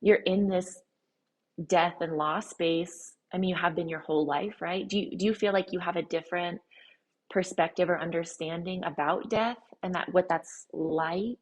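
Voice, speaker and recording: A woman interviewer speaking conversationally, gently and tentatively feeling her way through thoughtful questions. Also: on the low side, fairly even intonation, moderate pace. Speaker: interviewer, host.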